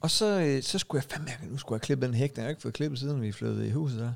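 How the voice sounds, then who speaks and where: A man co-hosting a casual podcast, telling halting anecdotes with many fillers and swearing. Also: mid-range voice, creaky. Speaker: podcast co-host. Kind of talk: casual chat.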